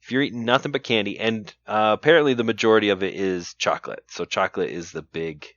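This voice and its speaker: A man co-hosting a podcast and running a trivia game, talking in a relaxed, rambling way with lots of fillers. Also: lowish voice, fast talker, no echo. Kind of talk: casual chat. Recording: slightly dull lo-fi, dry sound.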